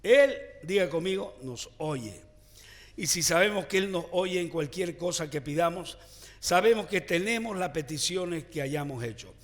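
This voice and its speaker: A man's voice: a little high, animated, a little slow. Preaching man in a reverberant hall. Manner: preaching with call-and-response, swinging from loud to hushed. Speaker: pastor. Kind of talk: sermon. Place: church sanctuary, also streamed online.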